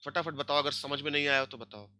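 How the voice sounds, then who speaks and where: A man's voice: on the high side, fairly even intonation, quick pace, pushed and bright, smooth, no room sound. A man teaching a grammar lesson online, explaining step by step and checking in often with his students. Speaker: language teacher.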